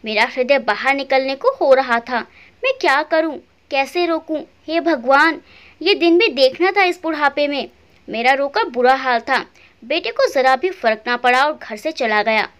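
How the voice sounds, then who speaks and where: A woman's voice: high-pitched, fairly bright tone. A woman telling a scripted first-person family story in an emotional, plaintive way.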